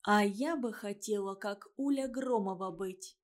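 A woman reading a story and voicing an earnest young schoolgirl who speaks quietly. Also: medium pitch, moderate pace, natural voice.

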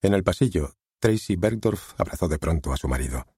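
A man reading an audiobook in measured scripted narration. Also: low-pitched, expressive, mellow, slightly rough, no room sound, studio quality.

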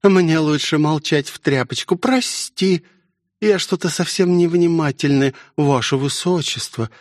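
A catty young woman, her voice pitched high and dripping with fake sweetness, as a male narrator puts her on. She taunts in a dry, close-miked audiobook recording. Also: a little slow, no echo, close to an everyday voice. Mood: sneering. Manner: sneering, mock-sweet. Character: scheming young woman pilot, mocking, spiteful.

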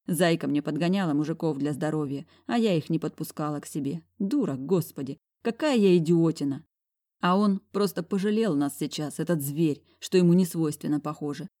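A woman reading a first-person novel aloud, expressive with sharp retorts. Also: fairly low pitch. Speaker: audiobook narrator.

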